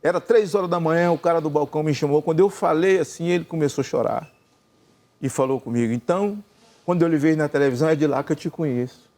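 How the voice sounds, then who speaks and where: Gravelly older man telling a story. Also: fairly high pitch, fast talker. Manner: animated storyteller acting out dialogue. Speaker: gospel singer and senator telling a story. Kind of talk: casual storytelling chat.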